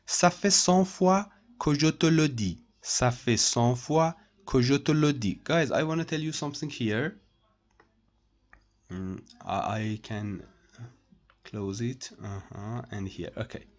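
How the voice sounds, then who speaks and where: Male French tutor, unhurried, mid-pitched, repeats and translates, typing heard. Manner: slow, repeats each phrase and translates it. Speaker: French teacher. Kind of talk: screen-share language lesson.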